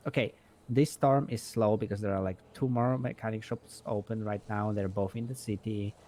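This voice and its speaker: This man's low, dark voice holds a steady tone at normal speed, lightly acted. He voices a foul-mouthed, blunt shop owner and mechanic in improvised game roleplay, rambling with emphasis, cursing freely, confident as he explains things.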